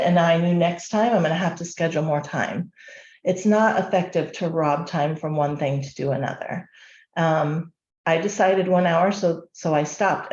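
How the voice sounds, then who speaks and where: A woman's voice: fairly low pitch, a little mellow. A woman instructor giving an online course talk in a conversational way, with frequent ums and rhetorical questions to her listeners. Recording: roomy, muffled audio.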